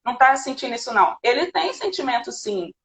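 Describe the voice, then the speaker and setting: A woman's voice: sits high, sing-song, a little fast, fairly bright tone. A woman from Brazil hosting a live video call, speaking emphatically and agreeing often with her guest. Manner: short eager agreements, emphatic. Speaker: live-stream host. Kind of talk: casual live-stream chat.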